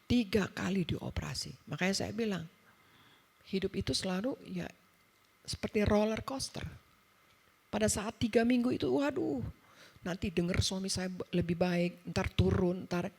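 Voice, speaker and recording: With a medium-pitched, creaky voice that's darkish and edged with breath, a middle-aged woman delivers a sermon to a church women's service. She tells a personal story in a chatty way, dramatizing the dialogue and slipping in quick asides.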